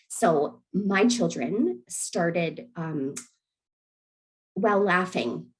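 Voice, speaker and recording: A woman who facilitates an early years program, gently demonstrating calming breathing techniques with an encouraging manner and easy laughter. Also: on the low side, poor audio. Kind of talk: friendly instructional demonstration.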